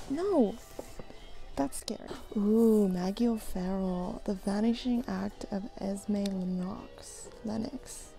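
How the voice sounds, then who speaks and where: A woman's voice: medium pitch, gravelly, dark tone. A woman vlogging casually as she browses books in a thrift store, chatty and giggly, musing half to herself. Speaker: book vlogger. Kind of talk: casual chat while browsing.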